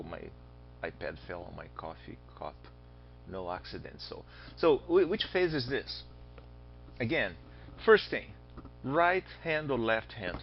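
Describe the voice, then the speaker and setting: An astronomy instructor from Brazil lectures in a mid-range voice with vocal fry and a Brazilian Portuguese accent. He's chatty, asks his students questions, and slips in joking asides, all captured on a dull, lo-fi voice recording.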